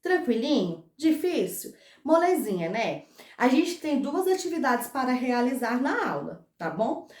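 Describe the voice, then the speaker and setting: A young woman with a Brazilian accent leads a grammar lesson, with a bright, high voice. She slows down to model each phrase and keeps asking whether it is easy. The recording has an echoey room sound. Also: big pitch swings. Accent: Brazilian Portuguese. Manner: patient, drawn-out model phrases, diminutive reassurances. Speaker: English teacher.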